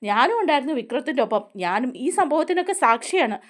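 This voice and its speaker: A woman voicing a firm, protective young wife who explains herself earnestly, in a lively voice. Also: sits high, fast, pitched above the performer's own voice. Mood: earnest, defending.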